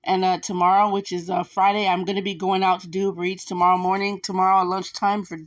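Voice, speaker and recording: This delivery driver vlogger speaks quickly with a mid-range voice and level tone. She chats casually to viewers with advice, circling back to repeat herself and using frequent fillers.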